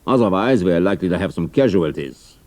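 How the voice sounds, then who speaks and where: An actor playing a pompous German count and military commander in an audio drama, with a gravelly voice and formal, deliberate delivery. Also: male voice, low voice, lively intonation, darkish tone. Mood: commanding, pompous.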